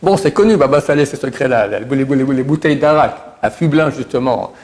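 With an expressive, medium-pitched, slightly mellow voice, a middle-aged man recounts religious miracle stories in a casual way. He halts frequently, repeating and restarting words, and slight background noise can be heard.

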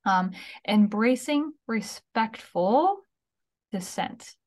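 A woman's voice: fairly high pitch, expressive, drawn-out words, a little mellow. A woman in her thirties co-hosting a talk podcast, giving casual advice in a chatty way, often checking in with "okay?" and "right?". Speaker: podcast co-host.

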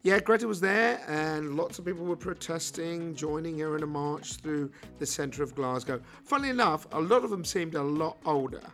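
A man's voice: on the high side, normal speed, few pauses, a bit bright. A man hosting a podcast, talking in a chatty, wry way and interviewing people. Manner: chatty, wry, self-deprecating. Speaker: podcast host. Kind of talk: casual podcast narration and interviewing.

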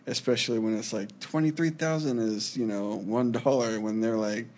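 A man's voice: mid-range voice, steady tone, normal speed, darkish tone. A young man chatting casually on a travel vlog, dry and joking, often cutting in. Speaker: travel vlogger. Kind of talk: casual chat.

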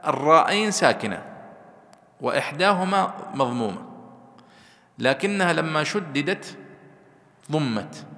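A man explaining a scripture commentary to students, slowing down to spell out word forms and asking them questions. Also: medium pitch, pushed and bright, big-room sound. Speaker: teacher explaining Quran commentary. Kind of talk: classroom lesson commentary.

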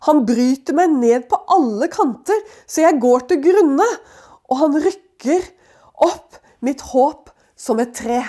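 A woman reading the part of an anguished, suffering man lifts his voice high and strained, crying out to God. The words come slow and pleading, loud and pressed, as if begging to be heard. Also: expressive.

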